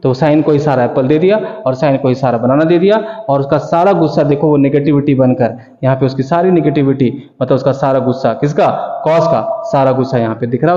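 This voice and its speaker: A man's voice: medium pitch, mellow. A man teaching maths in a chatty, coaxing way, explaining with homely stories and checking in with students. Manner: colloquial and coaxing, keeps asking "okay?". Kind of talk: chatty classroom lesson. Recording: echoey room with long reverb, dull lo-fi sound.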